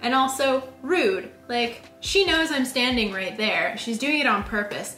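A woman's voice: a little high, lively intonation, unhurried, bright, forceful tone, soft background music. A woman co-hosting a casual home video with playful, wry joking. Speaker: co-host. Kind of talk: casual chat. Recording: echoey room.

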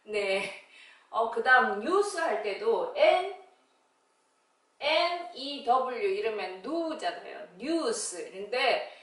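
Slow, echoey woman teaching phonics. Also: a little high, big pitch swings, a bit bright, recorded from a distance. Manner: drawn-out, syllable-by-syllable sounding out of words. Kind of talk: slow instructional phonics lesson. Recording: very echoey room, voice a bit off-mic.

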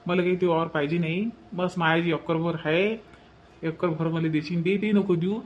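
A man's voice: a little high, flat delivery, moderate pace, slight background noise, natural voice. A man voicing a henpecked village brother in a cartoon, with a Varhadi Marathi accent and a pleading, exasperated way of talking. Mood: weary. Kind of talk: cartoon voice acting. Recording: dull lo-fi recording.

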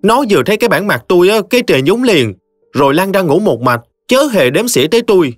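A man voicing a sulky, sharp-tongued young bride with a Southern Vietnamese accent, talking in a whiny, defiant way. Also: high voice, very animated, fast, no echo, clean studio sound, soft background music, voice pushed up.

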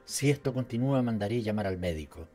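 A troubled middle-aged butcher speaks with anxious plaintiveness, read by a man in his own voice. He has a Latin American Spanish accent and a warm, mellow timbre over faint music. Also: on the low side, animated, fast, lightly acted. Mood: worried.

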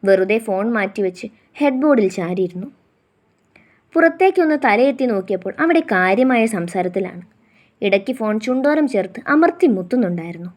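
Woman, soft storytelling, first-person romance reading, mid-pitched voice. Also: expressive, fairly quick. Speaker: story narrator.

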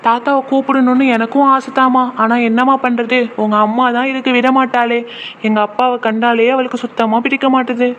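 A man voicing a caring young father in a cartoon, who talks to his daughter in a gentle, coaxing way. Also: very high-pitched, little pitch movement, a little fast, lo-fi sound, a little hiss or hum.

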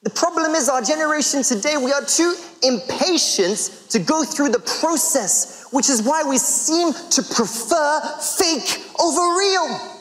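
Animated preacher with lively pitch. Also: male voice. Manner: emphatic, rhetorical questions, drawn-out pauses. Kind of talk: sermon. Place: large church hall with congregation. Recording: long reverb of a big hall.

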